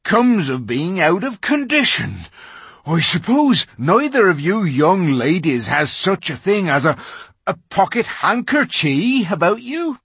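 A man's voice: high voice, very animated, measured pace, a bit bright, slightly rough, dry recording, voice pushed up, heavily acted. A man voicing a huge, clumsy, good-natured male giant who speaks in a humble, rustic way. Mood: bumbling.

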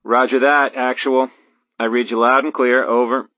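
A man's voice: mid-range voice, little pitch movement, moderate pace, no room sound. An actor playing a young male fighter wing leader, talking in clipped radio protocol over a walkie talkie. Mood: steady. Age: young adult. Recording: tinny radio line, dry.

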